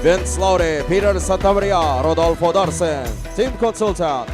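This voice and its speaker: A man with a Filipino accent announcing player introductions at an indoor basketball arena, stretching out the names in a booming call. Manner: drawn-out booming name calls. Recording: arena PA with loud music. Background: loud music.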